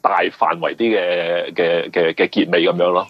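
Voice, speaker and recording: In dull, lo-fi radio interview audio with a dry recording, a man with a Hong Kong accent answers as a mystery novelist guest. He explains things at length and rephrases often, in a casual way. His voice sits low, level in tone, at normal speed.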